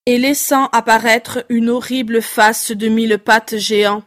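Slow-reading woman storyteller. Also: a little high, fairly even intonation, faint music behind. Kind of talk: children's storybook narration.

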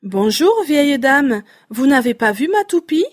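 A woman's voice: high voice, very animated, a little slow. A woman voicing a timid, tearful young boy in a storybook who asks politely and wails for his lost toy. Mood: asking.

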